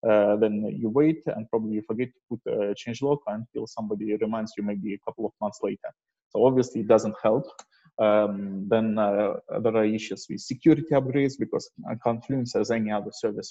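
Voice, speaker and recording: A man presents informally with slides at an online developer meetup, his fairly low, mellow and husky voice delivered hesitantly. He speaks through a video call microphone, and the lo-fi call audio sounds dull and muffled.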